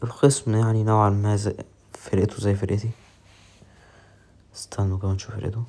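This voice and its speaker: Fast-talking Egyptian gamer man. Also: fairly low pitch, level tone, vocal fry. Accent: Egyptian Arabic. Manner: shouts play-by-play, joking. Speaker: mobile football gamer. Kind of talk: excited gameplay commentary.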